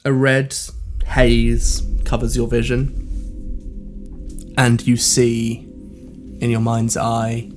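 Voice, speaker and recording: A man runs the game as its narrator, taking his time over each scene. His pace is slow and deliberate, and he pauses on fillers as he builds the picture. Soft music plays behind him. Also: medium pitch, completely flat delivery. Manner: measured, descriptive narration with hesitant fillers. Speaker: game master.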